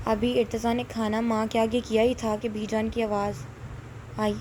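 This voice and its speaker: A woman narrating a short novel aloud in a steady, even storytelling manner. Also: on the high side, a little hiss or hum.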